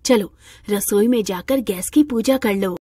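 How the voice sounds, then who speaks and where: A woman voicing a gentle, patient middle-aged mother-in-law. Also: medium pitch, measured pace, breathy edge, dry recording, clean studio sound, pitched below the performer's own voice. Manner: kind and patient.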